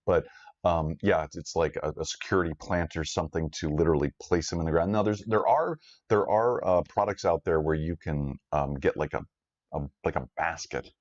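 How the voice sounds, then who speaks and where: Very deep-voiced man in casual garden chat. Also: a little fast, dull audio. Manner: relaxed, many ums and uhs. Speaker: gardening live stream co-host.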